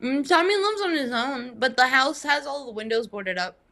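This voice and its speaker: Woman playing a bright, airy, clueless young woman. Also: high-pitched, lively intonation, moderate pace, heavily acted. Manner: airy, matter-of-fact and clueless. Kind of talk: improv comedy character.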